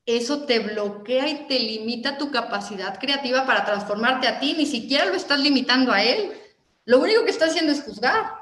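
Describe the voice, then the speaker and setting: A woman with a Mexican Spanish accent giving a motivational talk, animated and asking her listeners question after question. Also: high-pitched, roomy sound. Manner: animated, asks the audience many questions. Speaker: motivational speaker.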